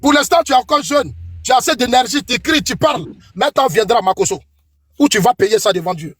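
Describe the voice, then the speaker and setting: A man's voice: extremely high pitch, lively intonation, a little fast, fairly bright tone, no room sound, clean studio sound. A middle-aged man with an Ivorian French accent, delivering a combative, accusing political tirade that repeats lines for emphasis. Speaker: political commentator.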